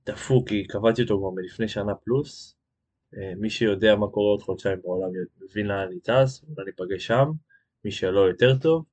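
A man's voice: fairly low pitch, darkish tone. Young man rambling on a live stream. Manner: rambling, loose, with many fillers and restarts. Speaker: page admin hosting a live stream. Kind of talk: casual live-stream chat, reading viewer comments.

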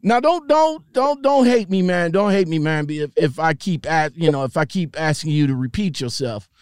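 Higher-pitched man, halting and slangy, very dry sound. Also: animated, clear, resonant tone, no echo. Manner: halting, repeats phrases over and over. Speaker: interviewer. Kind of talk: casual slangy chat.

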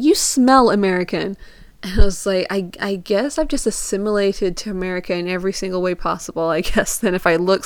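A young woman from Portugal and England tells personal stories in a mid-range, clean voice with no room sound. She's casual and chatty, peppering her informal phrasing with "like" and acting out quoted questions from conversations.

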